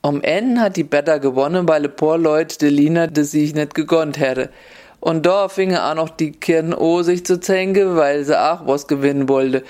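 A man's voice: a little high, moderate pace, darkish tone. Man telling a tale in Upper Hessian dialect. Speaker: storyteller. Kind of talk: dialect folk tale narration.

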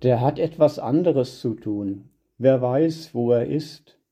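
A man voicing a grumbling old father with a gruff, low voice, in a dull lo-fi storybook reading. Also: slow pace, dark tone.

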